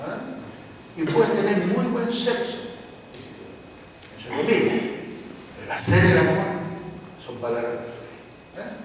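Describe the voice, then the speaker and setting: A man in his sixties with a Chilean accent, a psychologist giving a lively talk to parents, acting out children's voices and tagging lines with a questioning "¿ah?". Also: sits high, slight background noise. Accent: Chilean Spanish. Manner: animated, acts out children's voices, tags lines with "¿ah?". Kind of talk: lively public lecture. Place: large school hall. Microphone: distant room mic. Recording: echoey hall from far off, faint ambience.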